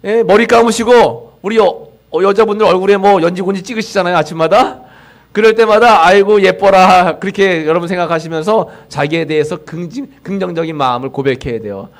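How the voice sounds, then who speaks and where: A male pastor delivering a sermon to his congregation, his slightly raised voice jumping from strong emphasis down to hushed, fading line endings. He slips into little acted voices for quoted self-talk and leads the room in calling out affirmations. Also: high-pitched, brisk. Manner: dramatic swings in loudness, trailing off to near-whispers at line ends. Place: church sanctuary.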